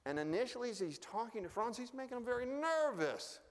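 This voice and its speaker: A man's voice: very high voice, very animated, brisk. A man telling a true story as a speaker at a remembrance event in a synagogue, dramatic and shifting his voice for the people he quotes. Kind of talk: storytelling talk. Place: synagogue hall. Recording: long reverb of a large hall.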